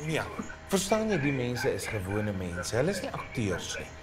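Sceptical male boss, broad swings in pitch, South African Afrikaans accent, screen drama. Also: big pitch swings, normal speed, music in the background. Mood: sceptical, dismissive. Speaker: boss in a boardroom meeting. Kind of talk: screen comedy-drama dialogue.

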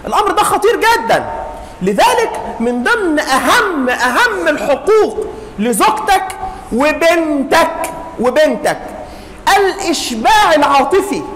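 A man's voice: very high-pitched, very animated, measured pace, a bit bright. A middle-aged man with an Egyptian Arabic accent teaching like a wise mentor, giving advice with humour and acted-out examples in a public lecture. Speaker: family-studies teacher giving a religious lesson. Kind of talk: animated public lecture in colloquial speech. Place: indoor hall, speaking to an audience. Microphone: clip-on lapel microphone. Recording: echoey hall with faint noise.

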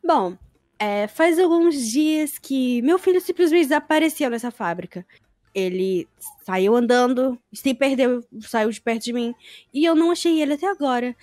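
A woman voicing a threatening monster mother in a Minecraft role-play, slow and sly, with a Brazilian accent. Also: sits high, expressive, a little mellow, no room sound, studio quality. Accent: Brazilian Portuguese.

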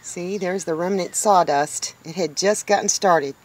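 With a fairly low-pitched voice and a slightly slow pace, a woman in her fifties chats to her handheld camera about her garden. She's a homesteading vlogger recording a casual outdoor vlog in a rural yard by a tiny house. Her manner is chatty and upbeat, and she exclaims at small things she finds.

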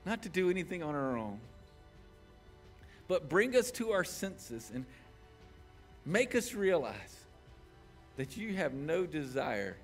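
Preaching from a church stage, a pastor in his forties moves between loud, emphatic declarations and hushed prayer with fervent energy. His fairly high voice has a sing-song lilt, and he goes slowly with long pauses as soft music plays underneath.

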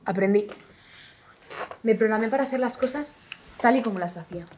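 A young actress playing a young woman who feels nothing, speaking in a quiet, detached monologue. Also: on the high side, fairly quick, a little hiss or hum, lightly acted. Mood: wry, reflective. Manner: quiet, hushed and detached delivery. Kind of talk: theatrical monologue. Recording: voice from a distant mic.

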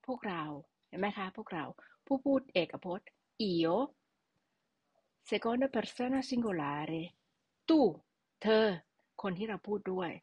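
A woman's voice: mid-range voice, animated, a little slow, a little mellow, breathy edge, no echo, dull audio. A woman teaching a language lesson, patiently explaining and repeating key words for her students.

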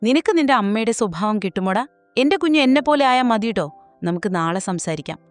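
A woman's voice: fairly high pitch, expressive, fairly quick, dry recording, faint music behind, natural voice. A woman voicing a playful, doting young husband who teases his wife. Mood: teasing. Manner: playful, teasing.

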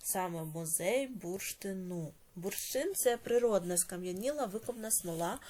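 A woman teaching a primary school language lesson, dictating words slowly and then explaining quickly, often dropping to a whisper at phrase ends. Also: mid-range voice, expressive, mellow, slight background noise. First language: Ukrainian.

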